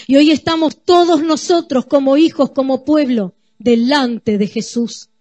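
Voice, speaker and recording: A woman pastor preaches in a high voice, unhurried and deliberate. She leans on repeated phrases and speaks straight to the congregation. The sound is dry and close. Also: warm tone, dry recording. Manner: emphatic, repetitive preaching that addresses the congregation. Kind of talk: sermon. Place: church.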